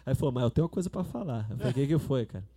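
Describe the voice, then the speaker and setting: A man telling an animated party story in a casual chat, laughing as he goes. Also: medium pitch, racing.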